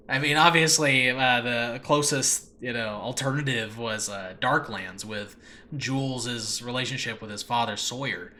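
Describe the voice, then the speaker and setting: A writer and voice actor of audio dramas hosts a casual solo podcast, talking off the cuff with enthusiasm, rambling and cutting himself off. His mid-range voice is bright and forceful at a measured pace. He records in a room of his new home with no regular setup, so faint background noise comes through.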